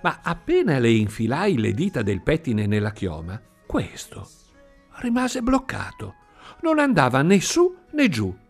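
A man reading a story aloud in an expressive, sing-song storytelling manner. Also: medium pitch, measured pace. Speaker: narrator. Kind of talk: audiobook reading. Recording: faint music behind.

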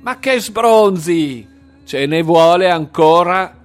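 Guy putting on a sloshed young dude at the bar, high squeaky voice, loud and drawn out. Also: lively intonation, slow pace, faint music behind. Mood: drunk, rowdy. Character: drunk swaying young man at a bar, loud.

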